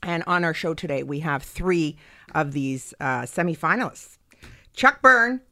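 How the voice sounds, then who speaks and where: A woman's voice: deep voice, animated, measured pace, sharp tone. A woman hosting a comedy talk show on the radio, chatting in an effusive, joking and self-deprecating way. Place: radio studio.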